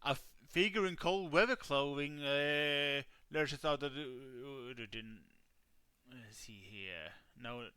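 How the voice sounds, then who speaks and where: A man's voice: medium pitch, slow, pushed and bright, clean tone, no room sound. A man running a tabletop game as game master, narrating hesitantly with many fillers.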